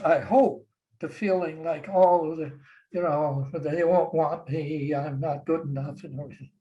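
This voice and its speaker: An older man, a guest sharing memories, reminisces casually in a slow, gentle, warm way, chuckling softly as he tells stories. His voice is fairly high, and the recording quality is low.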